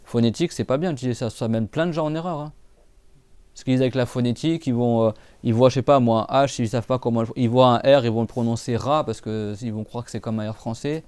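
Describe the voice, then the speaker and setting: Guy teaching recitation, smooth clear voice, dead dry sound, chatty with lots of fillers. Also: medium pitch, steady tone, quick pace, darkish tone, no room sound. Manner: patient, repeats and drills sounds; casual spoken French with many fillers. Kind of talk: live class explanation.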